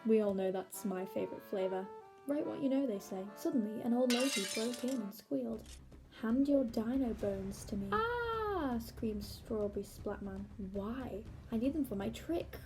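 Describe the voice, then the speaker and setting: A young woman reading silly stories aloud in a mock-boastful, deadpan comic style, with playful voices for the characters. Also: medium pitch, rough recording. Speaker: comedic self-styled author reading her own stories.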